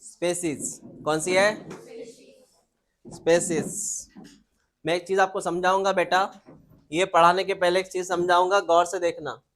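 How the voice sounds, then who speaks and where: Man, high voice, teacher in class, repeats and quizzes students. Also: little pitch movement, brisk, a bit bright. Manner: repetitive, asks students questions. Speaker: biology teacher.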